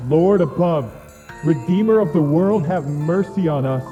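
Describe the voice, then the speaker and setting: A man's voice: fairly high pitch, animated, measured pace, voice pushed up. Man acting a commanding priest in cavernous reverb. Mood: solemn praying. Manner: forceful, commanding, solemn. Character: urgent, manic male priest performing an exorcism. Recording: long cavernous reverb over music.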